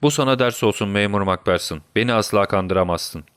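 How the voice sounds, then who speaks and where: A man's voice: fairly low pitch, a little fast, fairly bright tone, clear, resonant tone, no echo, clean studio sound, natural voice. A man voicing a smug, self-satisfied police inspector who talks in a boastful, patronizing way in a storybook reading. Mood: stern.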